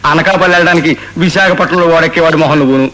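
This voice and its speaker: An actor playing a cantankerous older father who scolds in rapid bursts of mock-grand insults, in a film comedy. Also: a little high, a bit bright, close to an everyday voice. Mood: scolding. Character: cantankerous old father, spouting invented insults.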